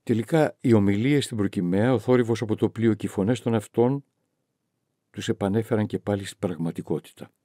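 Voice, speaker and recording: A man narrating an audiobook with expressive storytelling. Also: on the low side, no room sound, studio quality. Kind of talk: scripted narration.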